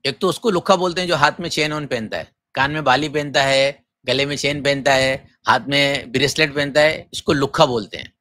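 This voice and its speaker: A man, a mufti from Gujarat, giving a forceful lecture on religious rules and firing off rhetorical questions. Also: mid-range voice, few pauses, no echo. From Gujarat, India. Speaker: mufti teaching Islamic law.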